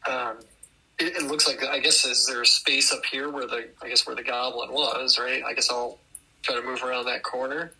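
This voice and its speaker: A man with a raspy, gravelly voice talks through his moves in a tabletop game. He is hesitant, and his bright, tense tone comes through a lo-fi, radio-like line. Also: medium pitch, level tone, moderate pace. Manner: hesitant, with many fillers. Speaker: player. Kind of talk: casual chat.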